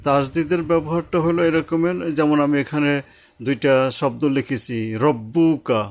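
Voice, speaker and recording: A man teaching Quran reading step by step, patiently repeating points and slowly sounding out each syllable. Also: on the high side. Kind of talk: step-by-step recitation lesson.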